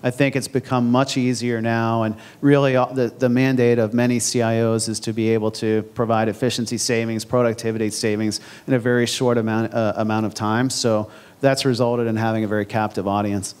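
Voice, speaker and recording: A man's voice: medium pitch, flat delivery, a little fast, darkish tone, smooth. Businesslike man in his forties on a panel. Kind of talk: conference panel discussion. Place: large conference hall stage. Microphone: handheld microphone.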